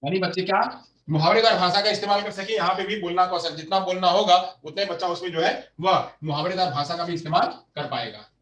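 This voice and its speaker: A man teaching a lesson. He repeats his phrases slowly and asks questions that he answers himself. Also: high-pitched, a bit bright, roomy sound, recorded from a distance. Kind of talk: exam-prep lecture.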